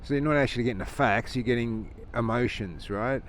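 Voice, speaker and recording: A man with a medium-pitched voice rants casually to his viewers from inside a motorcycle helmet. He is opinionated and conversational, rambling along like a motovlogger. Faint engine and traffic noise sits behind his voice. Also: fairly quick. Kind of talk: casual rambling rant to camera. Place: inside a helmet while riding a motorcycle outdoors.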